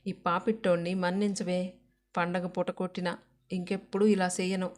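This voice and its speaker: A woman's voice: lowish voice, little pitch movement, normal speed, close to an everyday voice. A woman voicing a remorseful, hard-drinking village husband who pleads with his wife to come home. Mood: pleading. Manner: pleading, apologetic.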